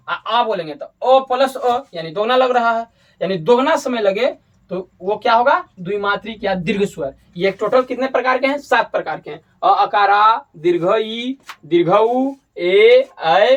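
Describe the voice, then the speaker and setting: A man's voice: very high voice, distant mic. A man teaching a grammar lesson, explaining step by step, repeating himself and correcting slips as he goes. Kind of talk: classroom-style grammar lesson. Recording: voice from away from the mic.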